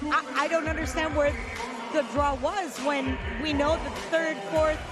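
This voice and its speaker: A woman's voice: sits high, fairly even intonation, a little slow, over loud music. A woman giving conversational live fight commentary as an analyst on a boxing broadcast.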